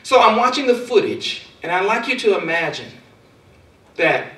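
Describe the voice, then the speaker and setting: Male speaker, fairly high voice, motivational storytelling, roomy hall sound, mic at a distance. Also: very animated, normal speed. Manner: storytelling with dramatic swings in loudness. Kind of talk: motivational speech. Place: large hall. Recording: echoey hall, far from mic.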